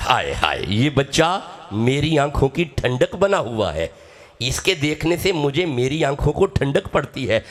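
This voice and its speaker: A man's voice: medium pitch, big pitch swings. A man from Pakistan with a Punjabi accent, preaching an emotional sermon, dramatic and urging his audience to respond.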